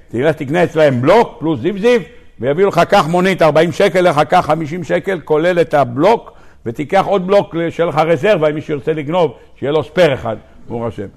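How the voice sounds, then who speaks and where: A man, a rabbi, gives a Torah lecture to his congregation, animated, asking questions and acting out the quotes. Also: on the high side, creaky. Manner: animated storyteller who acts out quotes and asks the audience questions. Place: synagogue lecture hall.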